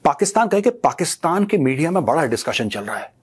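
A man's voice: on the high side, very animated, fast talker, a little hiss or hum. A man giving emphatic political commentary, switching into English phrases mid-sentence. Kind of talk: impassioned commentary.

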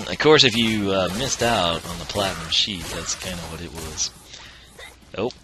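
A man's voice: low voice, unhurried, sharp tone, a little hiss or hum. A man streaming a video game who is losing his voice, chatting casually and chuckling as he plays. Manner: chatty, rambling, chuckles often. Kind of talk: casual let's-play commentary.

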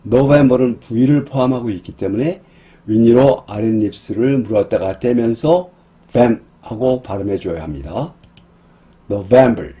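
A male teacher explaining English month names to beginners, saying each word slowly and clearly for students to repeat. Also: medium pitch, warm tone. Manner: drills English words slowly, one at a time. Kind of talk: slow, careful teaching for beginners.

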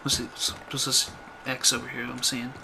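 A man's voice: mid-range voice, completely flat delivery, normal speed, gravelly. A man giving sweary, off-the-cuff gameplay commentary. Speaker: gamer, let's player. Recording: voice over noisy game audio.

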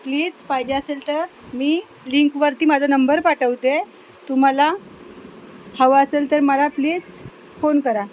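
A woman's voice: sits high, fairly even intonation, a little slow, darkish tone, slight background noise, low-quality recording. A middle-aged woman, chatting casually through a home vlog in her kitchen and cooing in baby talk to her pets. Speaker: home vlogger.

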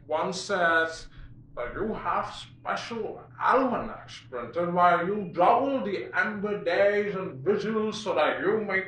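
A man in his twenties performing a classical comic stage monologue as a frank, mocking servant, theatrical and deliberate, with dramatic pauses. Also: high-pitched, animated, fairly bright tone. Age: 20s. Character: frank, mocking male servant addressing his miserly master. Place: small bare room indoors. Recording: echoey room.

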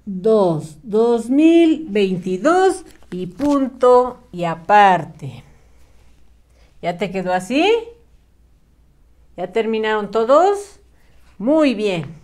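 A woman teaching young children to write, speaking slowly and sounding out each syllable. Her voice sits fairly high and rises and falls a lot as she encourages the class. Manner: patient, encouraging, spells words out syllable by syllable. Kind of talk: slow children's writing lesson.

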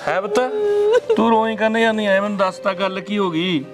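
An actor with a Punjabi accent playing an older village father who scolds his daughter and then gently comforts her. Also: high-pitched, big pitch swings, fairly quick, vocal fry, full character voice. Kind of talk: rural short film acting.

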